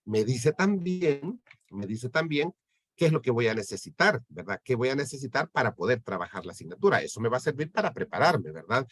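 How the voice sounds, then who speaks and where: A man's voice: medium pitch, very animated, quick pace, hardly any pauses, fairly bright tone, husky, dry recording. A man giving an explanatory lecture to teachers on lesson planning, often checking in with his listeners. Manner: explanatory, keeps asking "¿verdad?". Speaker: teacher trainer.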